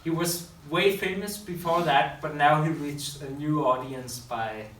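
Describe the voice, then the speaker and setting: A public speaker and school teacher speaks to an audience in a room without a script, often stopping to rephrase mid-sentence. The voice is fairly high and a little bright at a measured pace, picked up from far away with echo and a faint hiss.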